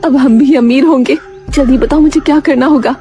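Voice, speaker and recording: A woman voicing a greedy, headstrong village wife who is insistent and sharp-tongued. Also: high-pitched, brisk, soft background music, voice pushed up, lightly acted.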